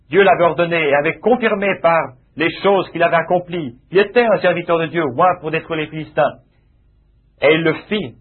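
A man's voice: high-pitched, breathy edge. A man preaching a sermon with emphatic, repetitive phrasing that rises into exclamations. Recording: tinny lo-fi phone-like sound.

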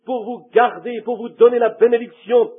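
A fervent male preacher with a high, husky voice, pleading with his listeners as he tells the story. The sound is thin and tinny, as if it were coming through a telephone. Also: fairly even intonation, moderate pace. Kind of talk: sermon. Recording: tinny phone-like recording.

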